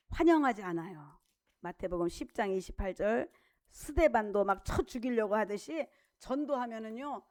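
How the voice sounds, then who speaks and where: A woman pastor delivers a sermon in a high voice. She preaches emphatically and mixes in rhetorical questions and casual asides to keep the congregation engaged. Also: darkish tone.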